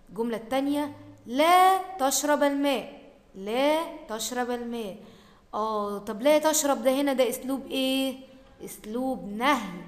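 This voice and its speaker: A woman teacher with an Egyptian accent, giving a primary-school language lesson. She repeats words slowly and deliberately for the pupils, then adds quick conversational asides. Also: a little high, fairly bright tone. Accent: Egyptian Arabic. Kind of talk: recorded Arabic grammar lesson. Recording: echoey room with long reverb.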